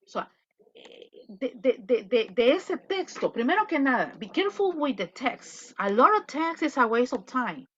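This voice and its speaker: A Salvadoran woman teaching an online class, talking bluntly with animated asides. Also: high voice, a little slow, breathy edge, dull audio. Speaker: English teacher.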